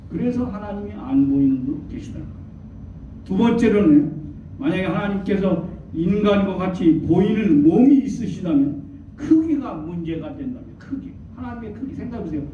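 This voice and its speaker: Heard from far off in an echoey church hall on a dull recording, a man serving as a church elder preaches with slight noise behind him. His high voice is expressive and brisk as he asks rhetorical questions and acts out quoted voices.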